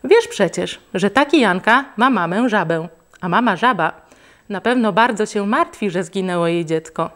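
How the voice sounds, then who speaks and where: A woman reading aloud as a calm, kindly father gently persuading his son in a storybook. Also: medium pitch, normal speed, lightly acted. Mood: gentle.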